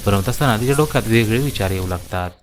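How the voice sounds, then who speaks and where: Steady male cartoon-story narrator. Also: fairly low pitch, quick pace, slight background noise.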